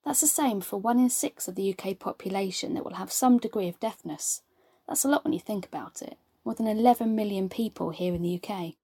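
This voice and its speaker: A woman working as a live sign language interpreter, voicing a deaf speaker's words in the first person with a steady, measured delivery. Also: mid-range voice, breathy edge, no echo, clean studio sound.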